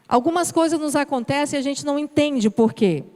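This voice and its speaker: A woman's voice: sits high, brisk, a little mellow. A Brazilian woman preaching a sermon in a church, telling an emotional personal testimony and acting out her prayers. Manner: emotional storytelling with quoted prayers. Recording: church hall reverb.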